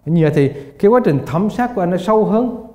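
A man's voice: high-pitched, animated, fast talker, warm tone. An older man giving a Buddhist lecture, often asking his students rhetorical questions and laughing as he tells anecdotes. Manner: asks the class rhetorical questions and laughs while telling stories. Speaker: Buddhist teacher. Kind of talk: dharma lecture. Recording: echoey, dull lo-fi hall recording.

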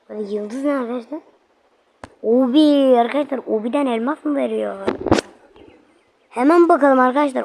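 A woman's voice: on the high side, vocal fry, slight background noise. A woman giving casual gameplay commentary, chatting to her viewers and bursting out in frustration when she fails. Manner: chatty, addresses viewers constantly, loud frustrated outbursts. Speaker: gaming video host.

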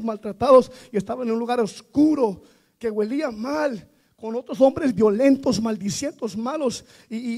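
A man preaching a Pentecostal sermon in church, building from quiet storytelling to shouted praise. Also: sits high.

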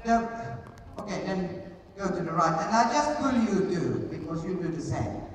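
Leading a live clinic in a large indoor riding arena, a middle-aged woman coaches hands-on, explaining, demonstrating, and repeating brief commands. Her voice is fairly low, animated, and moderately paced. A distant camera in the audience records her, so the audio is echo-heavy with background noise.

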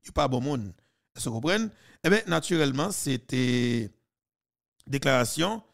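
Brief: Haitian male podcast commentator, 30s, fiery and mocking, mid pitch, close studio mic. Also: expressive, normal speed, creaky. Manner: heated, mocking, with sudden loud outbursts. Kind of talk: political commentary. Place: small studio. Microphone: studio mic with headphones.

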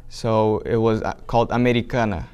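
A man's voice: on the low side, brisk, darkish tone, clear, resonant tone, dull audio. A young man from Brazil with a Brazilian accent, answering interview questions in a hesitant way with many restarts, recorded in a small room. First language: Portuguese. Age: young adult. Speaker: documentary subject. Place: small indoor room with flag backdrop.

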